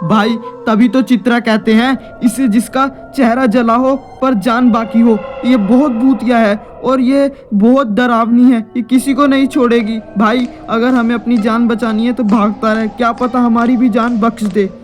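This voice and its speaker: A woman's voice: a little high, fairly even intonation, unhurried, hardly any pauses, darkish tone, soft background music, natural voice. A woman voicing a frightened young man who urges his friend to escape, stammering and urgent.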